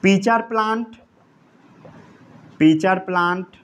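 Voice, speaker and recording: A man's voice: high-pitched, takes it slowly, fairly bright tone, a little hiss or hum. A man with an Indian accent teaching a science lesson, repeating each point, quizzing the class and dictating notes. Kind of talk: classroom lecture.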